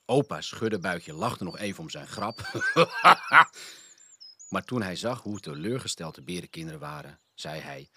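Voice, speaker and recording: A man narrating a children's storybook in an expressive manner. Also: low voice, fairly quick, few pauses, noisy background. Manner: animated, expressive.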